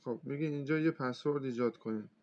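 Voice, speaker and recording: A man giving a casual, step-by-step phone tutorial as a computer instructor, talking in a relaxed, hesitant way with many filler sounds. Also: mid-range voice. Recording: slightly dull lo-fi sound.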